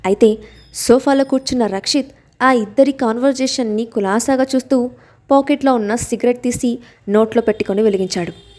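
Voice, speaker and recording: Female storyteller with a Telugu accent, warm and mellow tone, scripted novel reading. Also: on the high side, fairly quick. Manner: reads all characters' lines herself with little voice change. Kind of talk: scripted novel narration with acted dialogue.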